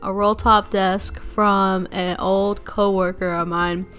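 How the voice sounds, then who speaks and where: A woman's voice: mid-range voice, takes it slowly, faint music behind. Rambling woman vlogger chatting while working. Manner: relaxed, rambling, self-deprecating, with fillers. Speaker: furniture flipping vlogger. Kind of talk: casual chat while working.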